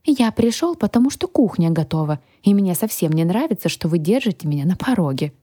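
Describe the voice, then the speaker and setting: A woman voicing a touchy, haughty male genie who has come to work as a cook, speaking in a slow, offended drawl. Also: on the low side, sing-song, dark tone, breathy edge, no room sound, clean studio sound. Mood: indignant. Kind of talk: audiobook character voice.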